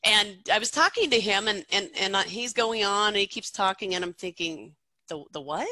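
A woman's voice: medium pitch, moderate pace, sharp tone, no room sound, rough recording. A middle-aged woman, a pronunciation teacher, explaining things in an interview in a chatty way with lots of fillers and restarts.

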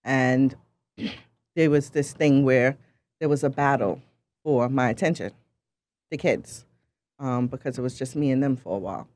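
A woman's voice: very deep voice, a little slow, long pauses, darkish tone. A woman co-hosting a casual talk show, laid-back and teasing. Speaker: co-host. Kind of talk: casual chat.

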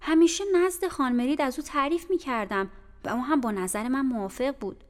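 A woman's voice: high-pitched, pitched above the performer's own voice, natural voice. A woman voicing a firm but kindly young nursemaid in an audiobook, lecturing in a stern, coaxing way. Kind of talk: audiobook character voice. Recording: reverberant room with faint music.

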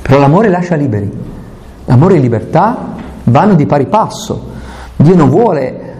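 A man's voice: on the high side, expressive, moderate pace, warm tone. A man, a priest, giving a conversational sermon, with rhetorical questions and quoted asides to his listeners.

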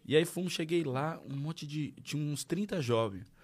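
A man's voice: on the high side, normal speed. Brazilian man telling his story. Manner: lively storyteller acting out dialogue. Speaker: guest. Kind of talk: casual testimony.

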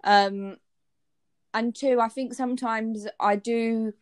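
A woman's voice: a little high, steady tone, slow, dry recording. Chatty young woman, dry sound. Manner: chatty, fillers like "like", candid. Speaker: podcast co-host. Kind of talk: casual chat.

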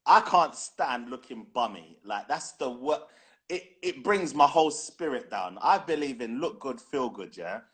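A man's voice: medium pitch, lively intonation, unhurried, a bit bright. A man with a London roadman accent, bantering casually in street slang as a podcast co-host. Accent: London urban, roadman.

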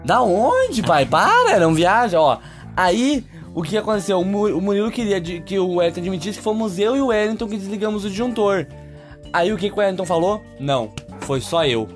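Young man, podcast host, high pitched, rapid, animated storyteller, faint music. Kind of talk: casual podcast chat.

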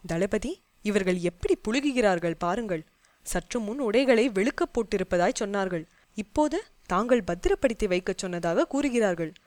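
A woman voicing a bold young male warrior envoy who speaks in rapid, defiant outbursts. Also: mid-range voice, expressive, a little mellow, no echo, lightly acted. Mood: indignant.

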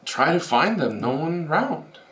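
A man voicing a gruff male figure who speaks in clipped, broken grammar. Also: a little high, very animated, moderate pace, fairly bright tone, echoey room, voice pushed up. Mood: terse.

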